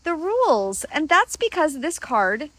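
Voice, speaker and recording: A woman's voice: high voice, sing-song, a little slow, fairly bright tone, rough recording. A woman hosting a tarot lesson for children, patiently asking a child and a guest simple questions. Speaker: host. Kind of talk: kid-friendly tarot lesson.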